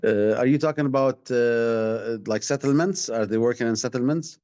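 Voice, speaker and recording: A Palestinian man with an Arabic accent, speaking as an activist in a live online question session, halting and often repeating his words. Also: mid-range voice, warm tone, clear, resonant tone, dry recording. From Palestinian West Bank. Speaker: activist, director of a community rights organisation. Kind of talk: live online talk answering audience questions. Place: online video call. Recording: dull, lo-fi online stream sound.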